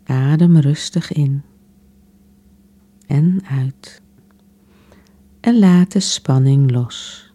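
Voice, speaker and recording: Very slow, dark-voiced woman guiding relaxation. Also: low-pitched, slightly rough. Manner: soft, soothing, unhurried with long pauses. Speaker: relaxation exercise guide. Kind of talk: guided relaxation meditation.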